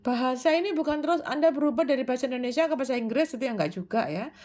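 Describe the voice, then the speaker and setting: A woman with a high-pitched voice talks viewers through self-improvement advice. She is measured and explanatory, asking questions aloud and answering them herself, with frequent hesitation fillers. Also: animated, darkish tone. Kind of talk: explanatory self-help talk.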